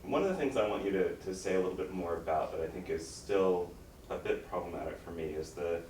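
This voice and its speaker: Low-voiced man in an echoey room. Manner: tentative, halting, softens criticism. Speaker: academic examiner at a dissertation defense. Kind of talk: informal academic critique and questioning. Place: echoey room, recorded from a distance. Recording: echoey room, distant mic, faint noise.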